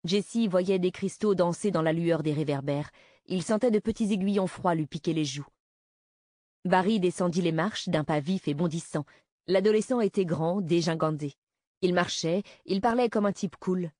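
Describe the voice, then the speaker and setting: A woman narrating a novel in a steady, measured reading style. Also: lowish voice, dry recording, clean studio sound. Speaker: audiobook narrator. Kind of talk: scripted narration.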